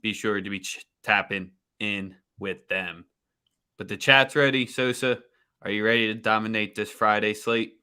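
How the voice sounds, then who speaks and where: A man's voice: lowish voice, fairly even intonation, normal speed, pushed and bright, clear, resonant tone. A man co-hosting a casual sports betting show, talking loosely with jokes and slang. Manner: loose, joking, slangy delivery. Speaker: podcast co-host.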